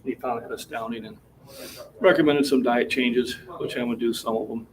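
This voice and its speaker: A man's voice: mid-range voice, fairly even intonation, brisk. Breathless man in his sixties at the gym. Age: 60s. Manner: chatty, talks while catching his breath. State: slightly out of breath. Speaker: fitness livestream host. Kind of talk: casual chat to a live chat between lifts. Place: gym, indoors. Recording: distant mic with faint room noise.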